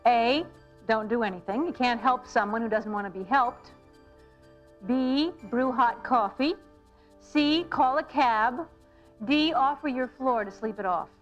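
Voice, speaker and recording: A woman's voice: fairly high pitch, unhurried, faint music behind. A woman co-hosting a TV quiz, evenly reading out questions and answer options on a dull, worn videotape copy. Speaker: quiz show co-host. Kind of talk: scripted TV presenting.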